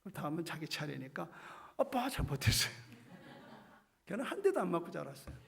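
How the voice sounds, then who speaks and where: A middle-aged man preaching a sermon as pastor. He acts out Bible dialogue and swings between loud lines and hushed ones. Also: on the high side, big pitch swings, very fast, vocal fry.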